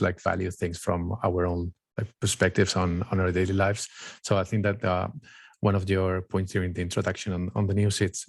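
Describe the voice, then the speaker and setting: A man's voice: sits low, a little mellow, no room sound, studio quality. A man on a tech panel, speaking fluently and often tagging his points with "right?". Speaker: panel guest. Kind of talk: panel discussion.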